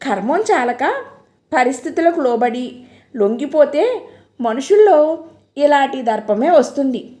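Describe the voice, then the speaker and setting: A woman narrating an audiobook novel in a measured, expressive storytelling manner. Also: high voice.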